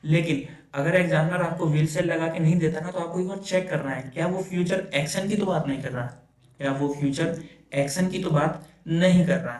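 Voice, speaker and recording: A man's voice: fairly high pitch, fairly quick, darkish tone. A male teacher explains grammar in a classroom-style lesson. He repeats his phrases and keeps checking with "है ना". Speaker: English teacher. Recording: echoey room, voice from a distance.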